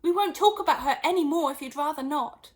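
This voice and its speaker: A woman's voice: high voice, a little fast, voice pushed up, lightly acted. A woman voicing a polite, chatty, curious little girl in a storybook, earnest and eager in manner. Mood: fond, flustered.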